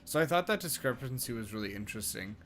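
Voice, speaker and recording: A man's voice: medium pitch, lively intonation, quick pace, a bit bright, a little hiss or hum. A man giving casual late-night commentary while playing a video game, rambling and often restarting his sentences. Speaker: game streamer.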